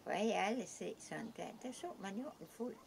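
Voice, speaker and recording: An older woman with a South Jutlandic Danish accent, telling stories from her youth in a hesitant, halting way with many restarts. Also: mid-range voice, lively intonation, creaky, a little mellow, a little hiss or hum. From Southern Jutland, Denmark. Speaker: interviewee recalling her youth. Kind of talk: casual oral-history storytelling.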